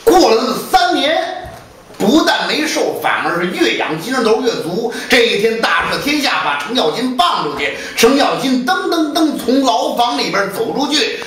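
A man telling a comic story on stage, with an animated, theatrical, colloquial way of talking. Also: very high voice, moderate pace, slight background noise. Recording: roomy live hall, mic far off.

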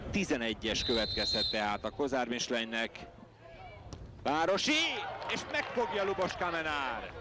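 A man giving live football match commentary in an excitable manner. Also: mid-range voice. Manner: excitable, voice leaps on big moments. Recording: noisy outdoor match broadcast.

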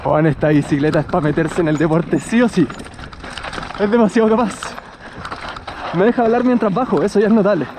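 Chilean man, high voice, roomy echo. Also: fairly quick, pauses often, noisy background. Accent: Chilean Spanish. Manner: excited exclamations while riding, relaxed explaining at home. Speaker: mountain bike vlogger. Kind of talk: casual vlog, riding commentary then bike review. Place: trail ride outdoors, then indoor room with bike stand.

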